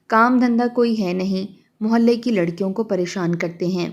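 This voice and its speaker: A woman telling a first-person story in a steady, confiding way. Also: mid-range voice, muffled recording.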